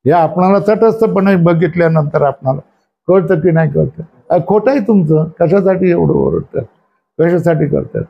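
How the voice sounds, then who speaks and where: Man, spiritual teacher quizzing his listeners, high voice. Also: gravelly, a little mellow, muffled recording. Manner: asks the listeners questions again and again. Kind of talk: religious discourse.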